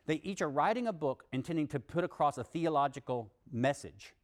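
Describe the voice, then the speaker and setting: A man lecturing to students, animated, reading passages aloud with emphasis and adding wry asides. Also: on the high side, a little fast. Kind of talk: university lecture.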